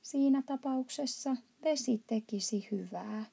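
A huge, good-natured old giant bellows in broken, made-up words, played by a woman reading aloud. The voice is dark and gravelly with a husky edge. He swings from earnest explaining to loud indignation, a storybook giant. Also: sits high, voice pushed up, full character voice. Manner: mangled grammar and made-up words, shouts in outbursts. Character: huge kindly old male giant, blustering.

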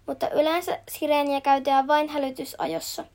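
A woman reading out the part of a kind male bear doctor in a children's picture book, explaining gently and patiently. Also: high voice, level tone. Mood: friendly.

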